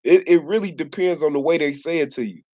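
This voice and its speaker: A man's voice: a little high, quick pace, darkish tone. A man from Chicago with a Chicago accent, talking casually to camera in a slangy, laid-back storytelling way. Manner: laid-back slangy storytelling, many "you know what I'm saying". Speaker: YouTuber. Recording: slightly dull lo-fi recording.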